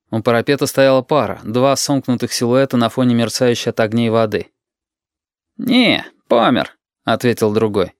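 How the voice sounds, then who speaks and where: A man's voice: medium pitch, dry recording. Man narrating an audiobook, dry sound.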